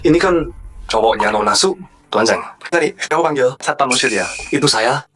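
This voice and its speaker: A man's voice: mid-range voice, expressive, a little fast, fairly bright tone. A man dubbing a timid security guard who begs forgiveness, in a drama. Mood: grovelling. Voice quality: grovelling. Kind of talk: dubbed drama dialogue.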